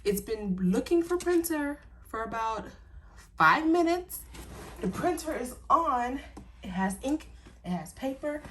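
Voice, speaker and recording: A woman's voice: high-pitched, sing-song, unhurried, fairly bright tone, slight background noise. A woman making a casual crafting vlog at home, talking to herself and her viewers as she works. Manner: chatty, talks to herself and viewers while working. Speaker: crafter making custom shirts.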